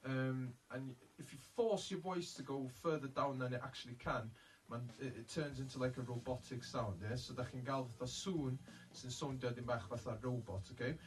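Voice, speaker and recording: A man's voice: steady tone, normal speed, distant mic, poor audio. A man explaining a beatbox technique in a casual, hesitant way, with many ums. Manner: hesitant, many ums, switches into a deep gravelly growl to demonstrate. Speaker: beatbox teacher. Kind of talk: casual bilingual tutorial.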